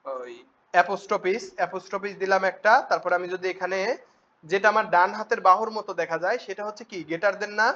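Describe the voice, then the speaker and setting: A man teaching a spreadsheet class, often asking students quick check questions. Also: sits high, fairly bright tone. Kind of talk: spreadsheet tutorial. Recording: dull lo-fi recording with faint noise.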